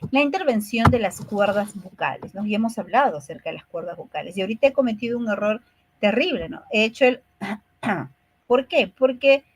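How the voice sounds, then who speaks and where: A woman's voice: medium pitch, expressive, fairly quick, a little hiss or hum, low-quality recording. A woman from Peru with a Peruvian Spanish accent, teaching a speech therapy course and explaining things step by step, often checking in with short tag questions. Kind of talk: online lecture.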